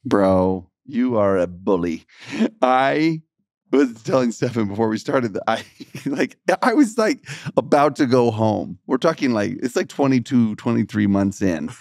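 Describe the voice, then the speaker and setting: A man from Texas with a gravelly, creaky edge to his voice, hosting a faith podcast in a lively, joking way. He laughs often between stories, and the sound is close and dry with no room around it. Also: mid-range voice, a little slow, dry recording. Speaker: podcast co-host. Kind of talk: casual gospel podcast chat.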